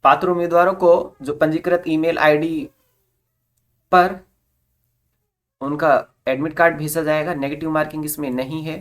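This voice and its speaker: The presenter, who covers job recruitment updates, delivers an instructional explainer at a moderate pace, with fairly even intonation and long pauses. Using a mid-range voice, they read formal notice wording and then rephrase it in everyday terms.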